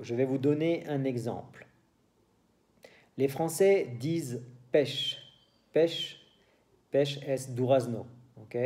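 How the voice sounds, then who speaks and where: A man from France with a French accent gives a relaxed language lesson to Spanish speakers. He talks slowly and explains each point carefully, moving between French and Spanish. His voice sits at a medium pitch with a very dark, mellow tone. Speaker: French teacher.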